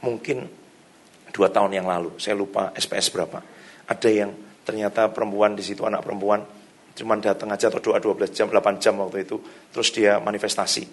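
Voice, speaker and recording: A man's voice: on the low side, flat delivery, fast talker, husky. A middle-aged man, a pastor preaching a sermon, telling stories in a loose conversational way and laughing often. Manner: conversational storytelling, laughs often, javanese-flavoured casual indonesian. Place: church hall.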